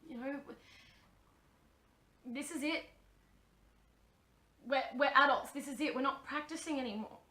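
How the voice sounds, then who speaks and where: A young Australian woman performing a wry, confessional theatre piece, swinging between loud and hushed lines. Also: sits high, unhurried, long pauses. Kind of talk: theatrical monologue and scene. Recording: echoey room.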